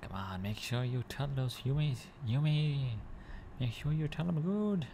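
A man putting on a high, strained voice for a boastful, proud male dwarf king in a game. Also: a little slow, dark tone, a little hiss or hum, natural voice.

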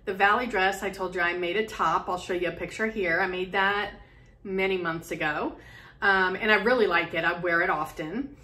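In her home sewing room, a middle-aged sewing vlogger chats casually to a camera set in front of her at medium-close framing. Her fairly low voice is bright and forceful at normal speed, and she rambles with lots of ums and restarts.

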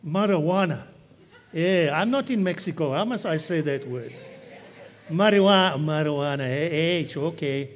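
A man's voice: a little high, moderate pace, few pauses. A man preaching a sermon as pastor, talking to the congregation in a conversational, joking way. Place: church.

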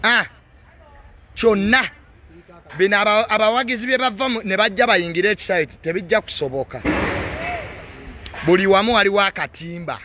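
A high-voiced Ugandan man talks his way around the stadium stands, chatty and quick to joke. His phone picks him up out of doors, with a faint hiss of noise underneath. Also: pushed and bright. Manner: chatty, joking, laughs easily. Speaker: tour guide filming a stadium walk. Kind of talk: casual walking tour chat. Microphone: phone camera.

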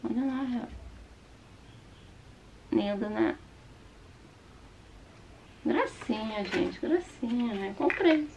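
A Brazilian woman in her fifties with a slightly hoarse, sore-throat voice, chatting casually to the camera as a vlogger showing her purchases. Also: a little high, very slow, long pauses, a little mellow, lo-fi sound, a little hiss or hum. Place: small room at home, indoors.

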